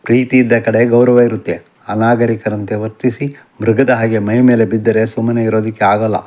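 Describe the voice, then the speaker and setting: A man's voice: fairly low pitch, little pitch movement, moderate pace, a little mellow, close to an everyday voice. A man voicing an angry, defiant young male college student in an audiobook novel, speaking in a bitter, confrontational way. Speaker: son.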